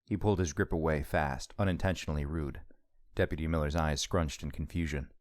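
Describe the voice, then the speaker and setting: A man narrating an audiobook in a steady, measured reading. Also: rumbling low, no room sound, studio quality.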